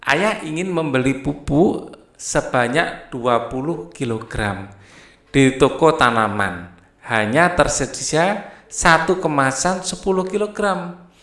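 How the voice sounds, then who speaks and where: Slow gravelly male teacher. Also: fairly high pitch, a bit bright. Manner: slow and explanatory, often adding "ya". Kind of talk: explaining a school textbook lesson. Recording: echoey room.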